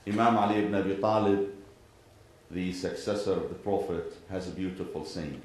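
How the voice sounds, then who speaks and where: A deep, slightly mellow male voice belongs to an imam from Iraq and Kuwait who speaks with an Iraqi Arabic accent. Addressing a gathering formally in a large indoor venue, he clears his throat often and uses deliberate, measured phrases with pauses and repeated parallel sentences. The recording is very echoey, with faint background noise.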